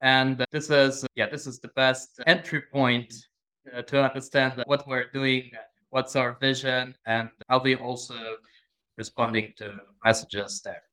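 A man being interviewed as a guest, speaking hesitantly and pausing to find his words. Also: mid-range voice, fairly even intonation, pushed and bright, smooth. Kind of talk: interview conversation.

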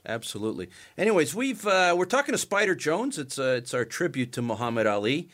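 A male sports radio host with a lively, up-and-down delivery. His pitch sits mid-range, and he often restarts his sentences as he builds his point. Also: a little fast.

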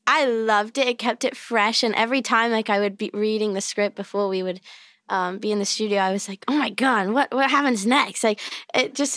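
A woman's voice: mid-range voice, no echo, clean studio sound. A young woman from England with a British accent, chatting upbeat as a guest actor in an interview. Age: young adult. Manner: chatty and upbeat, with frequent likes and little laughs. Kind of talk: casual interview chat.

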